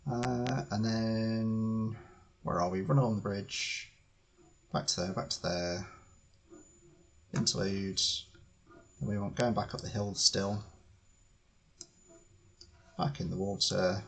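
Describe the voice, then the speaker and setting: Gravelly-voiced man, slightly hoarse. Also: on the low side, steady tone, slow, pauses often. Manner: thinking aloud, many fillers and restarts. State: slightly hoarse, clearing throat. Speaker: channel host editing video. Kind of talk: casual live-stream commentary.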